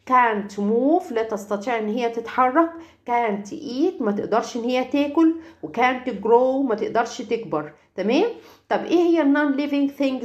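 An Egyptian woman teaching English words to kindergarten children. She drills each word slowly and repeats it, and she keeps checking in with the class. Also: sits high, a little mellow, muffled recording. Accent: Egyptian Arabic. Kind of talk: recorded online lesson.

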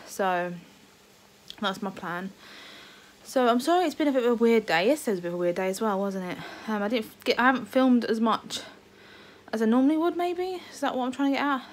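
A woman's voice: a little high, lively intonation, fairly quick. Rambling young woman vlogging. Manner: rambling, hesitant, lots of ums. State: heavily pregnant, uncomfortable. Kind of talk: casual family vlog chat. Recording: faint background noise.

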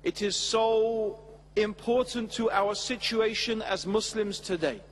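A middle-aged man giving a measured, emphatic religious lecture at a stand mic on a large studio stage before an audience. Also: high voice, long reverb tail. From England. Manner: measured, emphatic, with expressive hand gestures. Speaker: Islamic preacher. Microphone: stand mic at a lectern.

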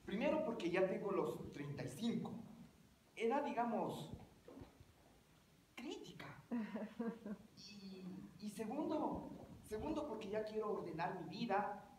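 A woman playing a nervous, hypochondriac 35-year-old bachelor in a stage comedy, fretful and halting, repeating words. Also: medium pitch, very animated. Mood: anxious. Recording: echoey room with loud noise.

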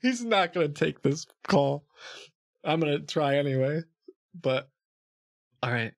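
A streamer talking casually to viewers through a deep pitch-shifting voice changer, thinking aloud in an offhand way. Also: expressive, measured pace, no echo. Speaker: scam-baiting streamer.

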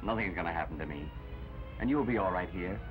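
An actor playing a young, self-mocking wartime flying lieutenant with a wry, self-deprecating manner, in early talkie film sound. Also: male voice, sits low, quick pace. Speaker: pilot. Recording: dull 1930 film soundtrack, faint music.

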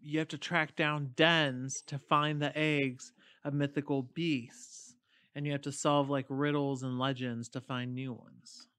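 A man co-hosting a casual podcast, tossing in quick, offhand remarks. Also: medium pitch, little pitch movement, fairly bright tone, smooth, no echo, clean studio sound. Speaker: podcast co-host.

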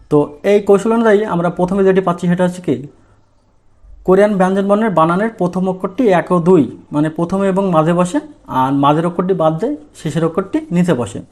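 With a high voice and a darkish tone, a male language teacher from Bangladesh leads a lesson in Bengali, posing questions and answering them himself.

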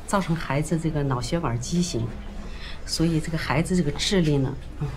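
An actress playing a matter-of-fact doctor giving a diagnosis. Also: female voice, deep voice, brisk, over music, close to an everyday voice. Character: blunt doctor giving bad news.

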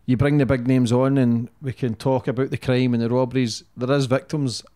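Scottish man hosting, mid-pitched, informal. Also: little pitch movement, brisk, dark tone. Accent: Scottish, Glaswegian. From Scotland. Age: 30s. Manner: informal, sweary. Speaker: podcast host. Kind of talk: casual interview. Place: small office used as podcast room. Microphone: desk microphone on boom arm.

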